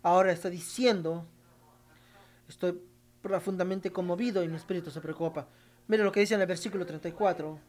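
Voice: medium pitch, brisk, a little mellow. A preacher giving a sermon, reading Bible verses and repeating key phrases for emphasis while speaking straight to the congregation. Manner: addresses the congregation directly.

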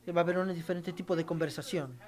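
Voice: mid-range voice, steady tone, fast talker, darkish tone. Preacher stressing lines in a sermon. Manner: emphatic, repeats key phrases for stress; addresses the congregation directly. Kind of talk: sermon with Bible reading.

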